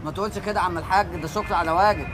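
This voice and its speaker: An actor with an Egyptian accent playing a bossy, scheming young crook. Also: male voice, high voice, fairly even intonation, racing, noisy background, natural voice. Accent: Egyptian Arabic.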